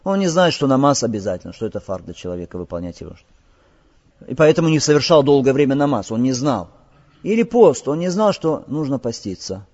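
A man's voice: medium pitch, sing-song, fairly quick, darkish tone. A man giving a religious lesson, explaining rulings and posing rhetorical questions to his listeners. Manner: explanatory, asks rhetorical questions, often checks with "all right?". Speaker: Islamic teacher. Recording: lo-fi recording with long hall reverb.

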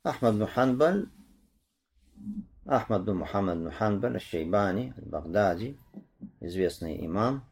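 A man giving a religious lesson, reading Arabic phrases and explaining them in Russian, who rises and grows louder when retelling a narration. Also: lowish voice, animated, unhurried, pauses often, husky. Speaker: Islamic religious teacher. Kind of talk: religious lesson commenting on hadith and tafsir.

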